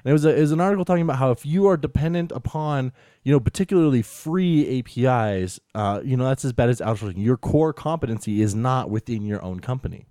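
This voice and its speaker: Mellow American man co-hosting a podcast. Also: mid-range voice, lively intonation, quick pace, no room sound, clean studio sound. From United States. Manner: rambling, earnest, peppered with "you know". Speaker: podcast co-host. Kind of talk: casual tech podcast talk.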